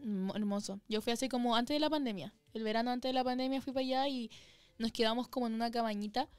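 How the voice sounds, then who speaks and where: A young woman with a Chilean Spanish accent, co-hosting a casual chat and telling an animated story full of slang. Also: on the high side, fast, clean tone, no echo. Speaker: co-host.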